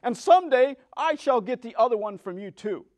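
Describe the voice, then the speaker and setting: A cunning old storybook witch, acted out by a man, shrieks in a very high, loud voice. She is cruel and theatrical, drawing out her words in screechy wails. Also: animated, no echo, studio quality. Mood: defiant, gloating. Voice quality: wailing, screechy. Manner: loud, drawn-out, theatrical cries.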